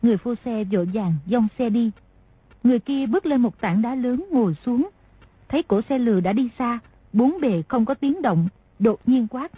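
A woman reads a martial-arts novel aloud in a steady storytelling manner. Her voice is very breathy and raspy, a touch high, and sounds dry and close. The audio is dull and lo-fi. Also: normal speed, no echo. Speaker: narrator.

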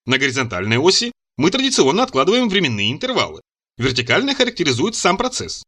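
A man reading a suave, polite male scientist who coaxes his visitors with smooth, persuasive courtesy. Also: on the high side, huge pitch swings, quick pace, pushed and bright, heavily acted. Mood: smooth, courteous. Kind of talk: audiobook character reading.

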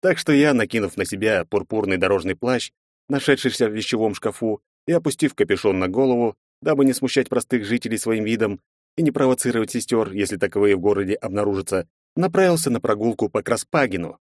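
Male audiobook narrator, low voice, measured first-person reading, dry close sound. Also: expressive, dry recording.

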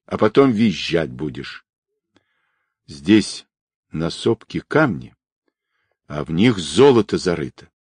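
A hard, scheming woman who talks in an urgent, persuasive hush, as a man reads her in an audiobook. The voice is low and husky, and the pitch swings widely. The recording is dry and close. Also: no room sound, exaggerated voice. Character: scheming tough woman gold hunter.

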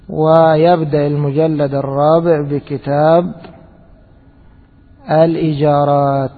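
A man giving a religious jurisprudence lesson, repeating key phrases and asking the class rhetorical questions. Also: on the high side. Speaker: Islamic jurisprudence teacher. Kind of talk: religious lecture. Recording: tinny phone-like lecture recording with long reverb.

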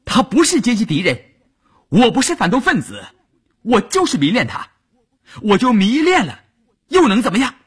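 A man's voice: lowish voice, huge pitch swings, normal speed, breathy edge, full character voice. A man voicing a proud, stubborn young pregnant wife who answers back defiantly. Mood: shouting. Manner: defiant, loud retorts.

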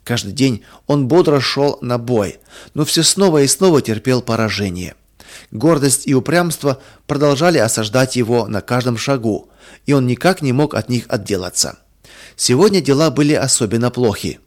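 A man reading a children's story aloud in a calm, even storytelling manner. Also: mid-range voice, moderate pace. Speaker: reader of children's stories. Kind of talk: scripted storybook narration.

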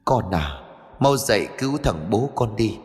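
A man's voice: lowish voice, sing-song, measured pace, big-room sound. A man voicing the tearful, urgent ghost of an old great-grandmother in an audiobook ghost story. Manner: urgent and hissing.

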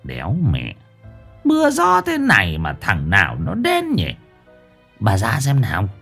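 A man's voice: fairly low pitch, huge pitch swings, unhurried, creaky, bright, forceful tone, faint music behind, exaggerated voice. A man doing a coarse, grumbling fat village chief. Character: fat, lazy, greedy older village chief.

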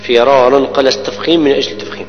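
Guy teaching tajweed, recites words slow and repeats them, long hall reverb, faint hum behind. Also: medium pitch, muffled recording, faint music behind. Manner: explains rules, then recites words slowly and repeats them. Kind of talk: tajweed lesson with recited examples.

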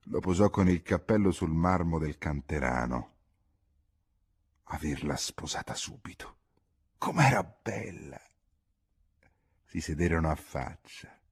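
A man narrating a classic novel as an audiobook reader, in an expressive, dramatic reading style. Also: low voice, slightly rough.

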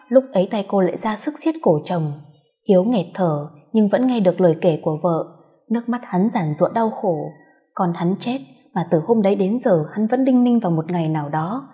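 A woman reading a story aloud in steady scripted narration. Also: medium pitch. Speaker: story reader.

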